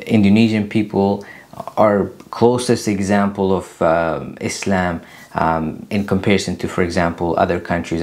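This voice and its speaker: Deep-voiced man chatting to camera. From Afghanistan. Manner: earnest, many "uh" pauses. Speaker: YouTube channel host. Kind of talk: casual Q&A to camera. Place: small room indoors. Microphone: camera at desk distance, seated.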